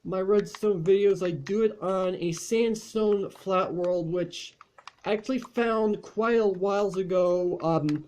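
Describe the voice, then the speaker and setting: Male gaming youtuber, casual commentary, mellow tone, chatty and rambling, faint background noise. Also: high-pitched, unhurried. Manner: rambling, chatty, frequent fillers. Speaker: gaming channel host.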